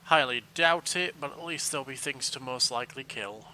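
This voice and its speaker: A man's voice: mid-range voice, fairly quick, pushed and bright, a little hiss or hum. A man streaming a video game, chatting casually and playfully, coining silly words as he plays. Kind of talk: casual gameplay commentary.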